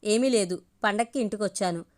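A woman's voice: medium pitch, a little fast, darkish tone, lightly acted. A woman reading the lines of a lovesick young man in an audio story, earnest and pleading. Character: young man in love, hesitant then eager.

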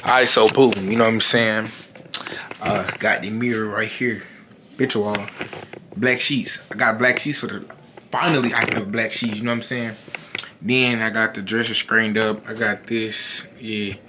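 A man's voice: lowish voice, fairly even intonation, normal speed. Young man vlogging in a noisy bedroom. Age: young adult. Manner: slangy, repeats catchphrases. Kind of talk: casual vlog chat. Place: small bedroom at home. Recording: clearly noisy background.

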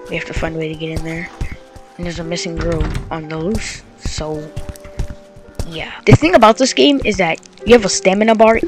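Slow-paced, muttering young teenage boy gamer. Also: on the high side. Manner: slangy, muttering. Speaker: gaming video host. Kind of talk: casual horror game commentary. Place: bedroom. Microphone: headset mic.

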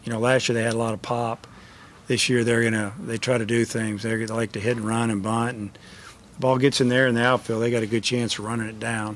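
A man's voice: on the low side, a little hiss or hum. A middle-aged man, a college baseball head coach, answering questions at a post-game press conference in a matter-of-fact way, with lots of fillers. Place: press conference room with a sponsor backdrop. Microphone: table microphone.

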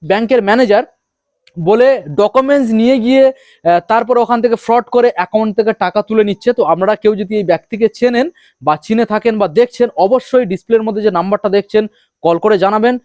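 Bengali male vlog host: breakneck promo patter, high-pitched, dry close mic. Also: darkish tone, no echo. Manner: rapid, hyped sales patter addressing viewers as friends. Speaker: YouTube channel host.

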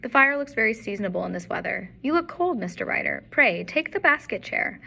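A woman voicing a brilliant, blandly polite male detective in a story reading, smooth and courteous. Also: fairly high pitch, sing-song, fairly quick, pushed and bright, full character voice. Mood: suave. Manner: smooth, courteous, faintly amused.

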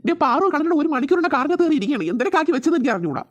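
A woman voicing a worried middle-aged cartoon father who scolds gently and talks in a rush. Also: high-pitched, sing-song, very fast. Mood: gentle scolding.

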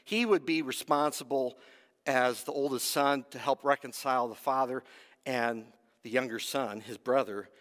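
A man's voice: mid-range voice, moderate pace, fairly bright tone. A man preaching a sermon as pastor, earnest and emphatic, swelling in intensity and then dropping almost to a whisper. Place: church sanctuary. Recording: long hall reverb.

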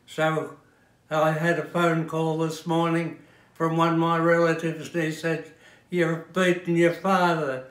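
A man in his nineties with an Australian accent, reminiscing slowly about his life in an interview, often stopping to correct himself. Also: on the high side, little pitch movement, echoey room. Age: 90s. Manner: measured, halting, frequent self-corrections. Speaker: retired teacher and author interviewed. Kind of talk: slow reflective reminiscing. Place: living room of an aged-care home, seated in armchair.

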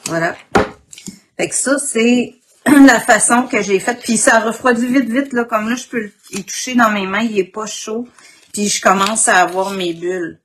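A woman with a Quebec French accent and a husky morning voice, informally demonstrating an art technique and often clearing her throat. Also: a little high, unhurried, fairly bright tone, a little hiss or hum. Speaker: craft instructor. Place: indoor craft worktable.

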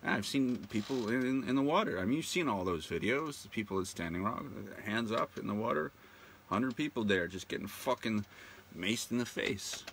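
A man's voice: lowish voice, lively intonation, moderate pace, gravelly, fairly bright tone, a little hiss or hum. A man hosting his own show, delivering a profane, indignant and sarcastic ranting monologue that hammers its words through repetition. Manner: repeats words heavily for emphasis. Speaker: show host.

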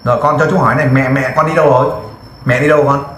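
A man's voice: medium pitch, fairly even intonation, very fast, a bit bright, echoey room, a little hiss or hum. Man interviewing with direct, coaxing questions. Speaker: volunteer interviewer. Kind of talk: field interview.

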